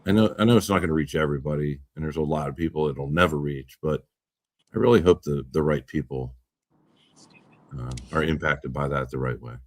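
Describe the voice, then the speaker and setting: Male podcast host, very low voice, dry sound, rambling and blunt. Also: fairly quick, dry recording. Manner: rambling, repeats words, swears when riled. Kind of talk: casual political chat.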